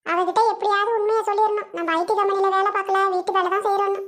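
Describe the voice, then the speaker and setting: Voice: very high voice, level tone, quick pace, a bit bright. A performer playing a meek, apologetic young husband who pleads with his wife. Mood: pleading.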